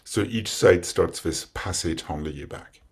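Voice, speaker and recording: A low-voiced man with a husky grain works as a dance teacher. He counts out ballet combinations in short, rhythmic, directive phrases, naming each step in turn. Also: measured pace. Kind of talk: dance instruction, calling out combinations.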